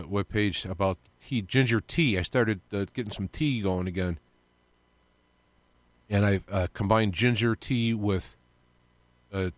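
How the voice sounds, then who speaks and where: A man's voice: fairly low pitch, no room sound. A man hosting a live audio-only radio show, talking in a rambling, confiding way with many fillers and restarts.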